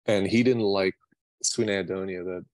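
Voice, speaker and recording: A man's voice: deep voice, steady tone, moderate pace, darkish tone, dry recording. An American man from New York City, a singer-songwriter chatting casually in an interview in a rambling, slangy, self-deprecating way. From New York City, United States.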